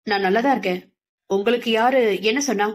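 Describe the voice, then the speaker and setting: A woman's voice: on the high side, a little fast, natural voice. A woman voicing a grown son who speaks sharply and urgently to his mother, in a clipped, commanding way. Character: anxious, short-tempered grown son.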